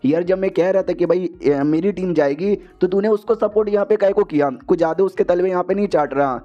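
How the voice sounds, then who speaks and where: A proud war minister barks blunt, scornful remarks in a slightly high but mellow voice, as a male narrator puts him on. The recording sounds muffled and lo-fi. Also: fast, close to an everyday voice. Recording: dull lo-fi voiceover.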